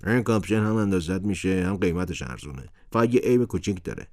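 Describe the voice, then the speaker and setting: A man's voice: deep voice, darkish tone, natural voice. A man voicing a shrewd but kindly shopkeeper in a storybook, speaking persuasively.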